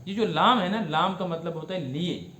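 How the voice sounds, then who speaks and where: بلند آواز، گونجتا ہوا کشمیری لہجے والا بزرگ مفتی. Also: male voice, sits high, expressive, fairly bright tone, echoey room, a little hiss or hum. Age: older. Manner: explanatory, asks the audience questions and repeats Arabic words slowly. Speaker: mufti teaching Quran commentary. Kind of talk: religious lesson.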